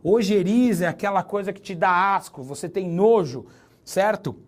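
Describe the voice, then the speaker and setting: A Brazilian Portuguese teacher with a high-sitting male voice records an exam-prep lesson. He's chatty and full of jokes, spelling words out slowly and putting stress on them.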